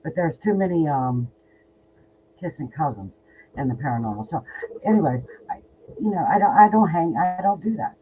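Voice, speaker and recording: A woman in her fifties with a low, expressive voice talks at a moderate pace and pauses often. As a psychic medium guest in a casual interview, she's blunt and outspoken and tends to repeat words, all over a tinny, faintly noisy phone line.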